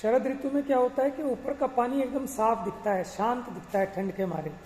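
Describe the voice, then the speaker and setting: A man teaching a religious class, explaining patiently, asking rhetorical questions and chanting verses slowly. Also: very high voice, a little mellow, reverberant, big-room sound, slight background noise. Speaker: scripture teacher.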